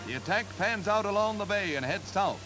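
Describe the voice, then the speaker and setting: A man narrating war footage in brisk, emphatic 1940s newsreel style, with old newsreel sound. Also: high voice, lively intonation, rough recording. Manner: brisk, emphatic announcer delivery. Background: loud music.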